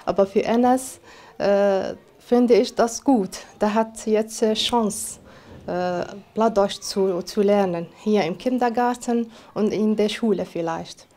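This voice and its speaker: A mother from Algeria speaks. Her talk is plain and earnest, at a middle pitch. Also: fairly even intonation, slow pace, mellow. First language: Arabic. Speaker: parent. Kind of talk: documentary interview.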